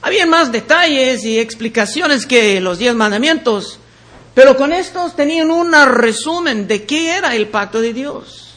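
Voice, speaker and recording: A man teaching the Bible verse by verse. He reads each passage aloud and then explains it in a deliberate way. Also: very high-pitched, animated, pushed and bright.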